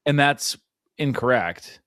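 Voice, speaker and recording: A man's voice: medium pitch, animated, takes it slowly, fairly bright tone, smooth. A man co-hosting a sports podcast in casual chat, ranting with exasperation and mocking other people's words. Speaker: podcast co-host.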